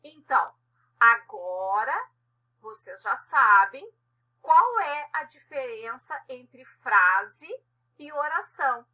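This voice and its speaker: Woman teacher, high and sharp-toned with a husky edge, walks through grammar with frequent check-ins. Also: very animated, slow. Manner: explanatory, frequent tag questions. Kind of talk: grammar lesson.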